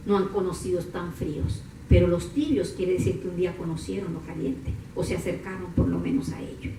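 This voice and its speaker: A woman preaching a sermon, moving from calm teaching to high, impassioned crying out. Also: slight background noise. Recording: echoey room from far off.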